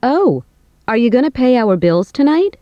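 A woman playing a young woman who talks about bills and plans with a friend, in a scripted language-course dialogue, speaking clearly and carefully. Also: a little high, sing-song, normal speed, no echo, dull audio. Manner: clear, careful everyday speech.

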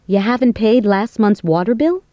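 A woman playing a young woman who talks about bills and plans with a friend, in a scripted language-course dialogue, speaking clearly and carefully. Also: mid-range voice, animated, normal speed, mellow, no room sound, highs cut off, natural voice. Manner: clear, careful everyday speech.

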